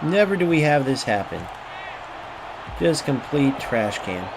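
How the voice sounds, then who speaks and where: A man streams a football game and commentates live, ranting profanely and trash-talking his opponents. His medium-pitched voice swings widely in pitch and moves a little slowly over clear background noise.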